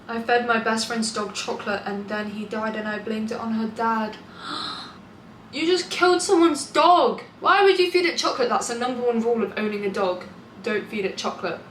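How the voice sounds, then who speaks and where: With a medium-pitched, fairly bright voice, a young adult British woman goes through confessions for her online video, reacting openly and chattily. She sounds gleeful and amused by the gossip, and the recording carries room echo and clear background noise.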